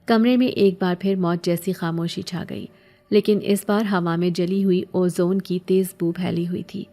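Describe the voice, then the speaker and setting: Woman telling a dark horror story. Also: on the low side, fairly even intonation. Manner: tense first-person telling, pleading and frightened in her own lines. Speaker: narrator. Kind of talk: scripted horror narration.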